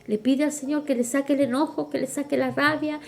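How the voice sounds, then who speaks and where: Church lady preaching, high voice, soft music behind, talks to the sisters with feeling. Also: fairly even intonation, brisk, vocal fry. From Chile. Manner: fervent, addresses listeners as sisters. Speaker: women's retreat speaker. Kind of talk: sermon.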